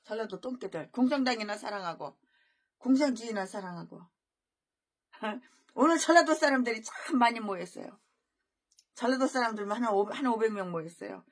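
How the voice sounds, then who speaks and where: A woman pastor preaching an expository sermon, often repeating and restarting words, swinging between loud emphatic peaks and quiet asides. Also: a little high, animated, normal speed, long pauses, slightly rough.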